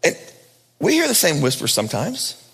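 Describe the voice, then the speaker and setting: A pastor preaching a sermon at a pulpit microphone, swinging from loud high emphasis down to low hushed lines. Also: male voice, huge pitch swings, normal speed, creaky, slightly rough, in a large hall.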